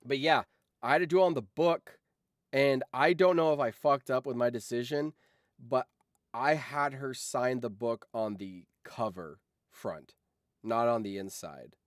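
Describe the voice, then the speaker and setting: Speaking in an unhurried, informal way, this streamer and voice actor wanders from story to story like an excited fan, cursing without hesitation. His mid-pitched voice comes through a close mic in a dry recording on the livestream.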